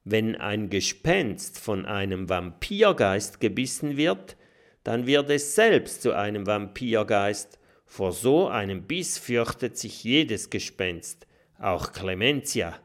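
Man doing badger, low, gravelly, emphatic, slow, storybook. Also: sing-song, exaggerated voice. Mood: explaining.

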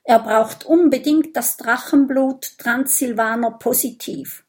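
A woman doing a small, fretful vampire boy in a storybook, his voice pitched well above her own, eager and a little breathless with worry. The reading moves slowly and carefully. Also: a little mellow, close to an everyday voice. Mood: worried. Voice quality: raised, boyish voice. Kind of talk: audiobook character voice.

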